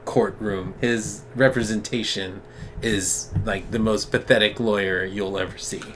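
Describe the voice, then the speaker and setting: A man's voice: fairly low pitch, fairly even intonation, measured pace, a bit bright, a little hiss or hum. A man co-hosting a casual comic book discussion, enthusiastic and slangy. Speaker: comic book podcast co-host. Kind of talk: casual chat.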